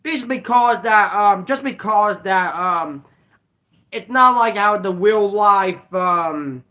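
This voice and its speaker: A man's voice: high-pitched, animated, takes it slowly, bright, forceful tone. A man casually reviewing cartoon episodes in a rambling, repetitive way, with bouts of coughing. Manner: rambling, repeats "let's be honest". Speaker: video reviewer.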